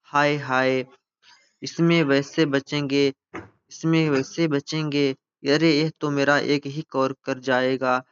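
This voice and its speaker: A man voicing a male personification of India who grieves and laments, reading the lines slowly and mournfully. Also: mid-range voice, little pitch movement, smooth, highs cut off, close to an everyday voice. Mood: terrified. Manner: slow mournful recitation of dramatic text.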